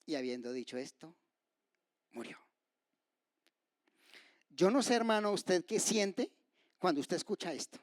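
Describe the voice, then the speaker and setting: A man preaching a sermon, asking his listeners rhetorical questions and swinging from loud outbursts to hushed whispers. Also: high voice, very animated, normal speed, no room sound, clean studio sound. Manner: asks the congregation rhetorical questions. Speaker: pastor.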